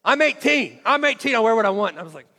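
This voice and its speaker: A high-voiced man in his forties tells a story from the stage, acting out every line of dialogue with self-mocking animation. His voice rings out with a long reverb through a large hall. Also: big pitch swings, fast talker, bright, forceful tone. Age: 40s. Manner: acts out quoted dialogue expressively, self-mocking.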